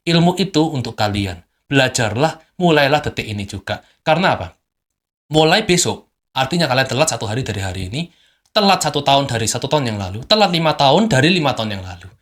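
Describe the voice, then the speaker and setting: A young business owner talks straight to camera in an unscripted motivational monologue recorded at home at night. His voice sits at an ordinary middle pitch, and his delivery is blunt and insistent, with phrases repeated for emphasis. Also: big pitch swings, fast, fairly bright tone. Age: young adult.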